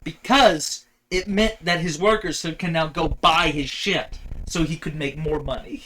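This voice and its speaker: A man co-hosting a casual podcast, countering his partner with skeptical, sardonic, quick rebuttals. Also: on the high side, steady tone, sharp tone, a little hiss or hum. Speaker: podcast co-host. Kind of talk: casual debate chat.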